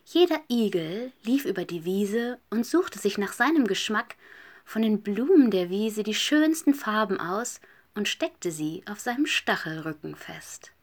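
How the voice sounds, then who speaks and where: A woman reading a children's story aloud, gentle and soft, often dropping to a whisper. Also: medium pitch, animated, measured pace.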